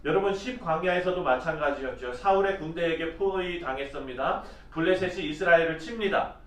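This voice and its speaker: A male pastor giving an early-morning sermon, reading scripture slowly and asking his listeners questions in a conversational way. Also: sits high, a bit bright. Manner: reads scripture slowly and deliberately. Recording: echoey room, voice distant from mic.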